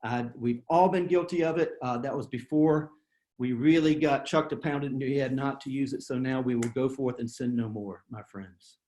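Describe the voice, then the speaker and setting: A man's voice: medium pitch, steady tone, moderate pace, warm tone, roomy sound. A man giving a writing workshop on a video call, plain-spoken and self-deprecating, with frequent fillers and restarts. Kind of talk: webinar presentation.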